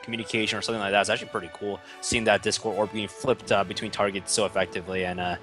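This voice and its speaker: A man's voice: on the low side, flat delivery, rapid-fire. A tired young man casting an esports match in a rambling, joking, self-mocking way, with faint music behind. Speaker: esports caster. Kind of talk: casual esports commentary.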